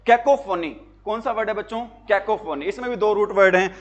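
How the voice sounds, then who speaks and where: A man's voice: high-pitched, a little fast, muffled recording. A male teacher giving an exam-prep lesson to students, asking questions and answering them himself in a call-and-response way, with jokes and anecdotes. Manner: jokey, tells anecdotes.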